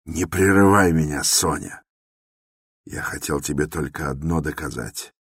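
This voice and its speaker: A man's voice: very deep voice, breathy edge, no echo, clean studio sound, exaggerated voice. A man voicing a tormented young man who speaks in an intense, brooding, confessional way, within a dramatic novel reading.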